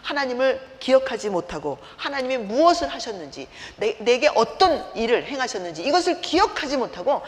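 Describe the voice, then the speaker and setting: A middle-aged woman preacher with a fairly high voice delivers a sermon briskly, with hardly any pauses, weaving in personal stories and acting out the scenes as an animated storyteller. The hall is reverberant, with faint background noise.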